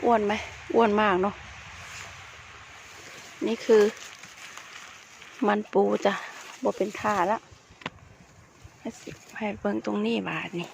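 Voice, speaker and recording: Slow gravelly Isan woman exclaiming outdoors. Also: mid-range voice, a little hiss or hum. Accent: Isan (Northeastern Thai). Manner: excited exclamations, chatty asides to viewers. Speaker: vlogger foraging wild mushrooms. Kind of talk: casual running commentary. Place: outdoors in rural scrubland.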